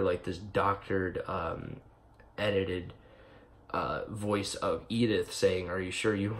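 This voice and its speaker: Excitable young man, lowish voice, swearing. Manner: rambling, excitable, swears a lot, many fillers. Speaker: vlogger reviewing a movie. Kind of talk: casual spoiler-filled movie review.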